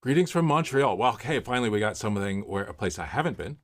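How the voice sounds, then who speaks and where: This Miami-born host in his fifties runs a casual livestream from his home office, going through viewer comments and rambling with plenty of fillers. His fairly low voice is animated and fast.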